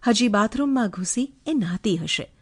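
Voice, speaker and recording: A woman reading a novel aloud as an audiobook narrator, with expressive, dramatic storytelling. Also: medium pitch, normal speed, slightly rough, no echo, clean studio sound.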